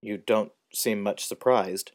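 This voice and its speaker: A man's voice: lowish voice, fairly even intonation, slow. Man reading a flustered, exasperated man. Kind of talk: audiobook character reading.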